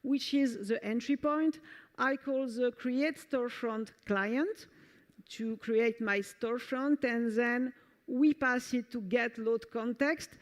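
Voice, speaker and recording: A little high in pitch, this French-accented conference speaker walks her audience through a live coding demonstration during a technical talk on stage. Her energy is obvious, though she keeps saying "uh" and starting her sentences over.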